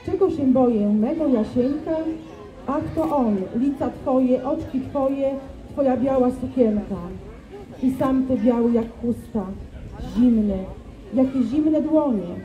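A woman reciting the part of a young village girl grieving her dead lover, slow and pleading, in a roomy school hall. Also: high voice, highs cut off. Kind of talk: poetry recitation.

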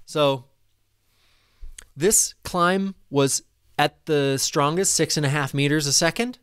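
Excited man narrating his flight. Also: fairly high pitch, slow pace, smooth, dry recording, studio quality. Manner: enthusiastic, casual, swears when excited. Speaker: paragliding vlogger. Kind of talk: flight-report commentary over map replay. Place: small indoor room at a desk. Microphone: desk microphone in front.

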